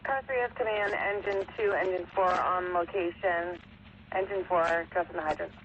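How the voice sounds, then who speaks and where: A man's voice: high voice, steady tone, normal speed, fairly bright tone. A man working as a firefighter, giving urgent, clipped reports over a two-way radio. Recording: tinny, slightly noisy radio transmission.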